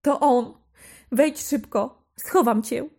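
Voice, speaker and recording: A woman's voice: drawn-out words, creaky, warm tone, breathy edge, full character voice. A woman doing a frightened giant's wife. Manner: urgent, anxious, high-pitched.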